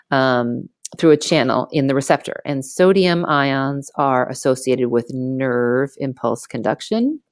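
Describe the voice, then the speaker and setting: A woman's voice: a bass voice, no room sound, clean studio sound. A woman teaching biology in a screen-recorded lecture voice-over. She talks casually, explains step by step and keeps checking in with "okay?". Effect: screen recording narration over slides.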